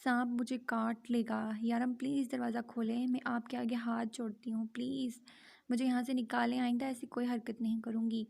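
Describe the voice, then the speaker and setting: A woman's voice: fairly high pitch, level tone, creaky, a little mellow. A woman reading as a terrified young wife begging. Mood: pleading. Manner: begging, desperate.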